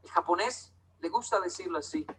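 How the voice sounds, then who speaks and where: A man's voice: sits high, brisk, a bit bright, slight background noise, rough recording. A man from Colombia, giving a storytelling talk to a live audience and acting out quoted dialogue in different voices. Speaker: public speaker.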